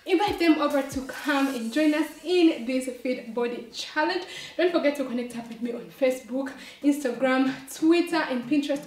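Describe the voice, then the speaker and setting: Woman, fitness instructor, encouraging, counts reps, high voice, echoey room. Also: darkish tone. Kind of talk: workout coaching. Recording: roomy echo, distant mic, faint music.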